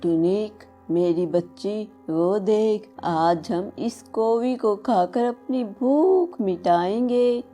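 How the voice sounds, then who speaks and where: A woman voicing a wicked mother witch-bird in a cartoon, cruel and hungry, with a slow, menacing drawl. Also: medium pitch, dark tone, soft background music.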